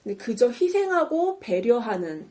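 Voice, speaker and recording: Lively high-voiced woman retelling a drama. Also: normal speed. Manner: animated retelling, acts out quoted lines. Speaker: podcast host. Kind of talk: casual storytelling chat.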